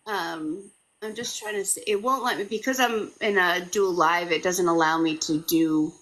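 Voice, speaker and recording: A woman hosting a live stream, tired and hesitant, with many pauses and ums. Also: on the low side, fairly bright tone, poor audio. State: exhausted. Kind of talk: casual live-stream chat.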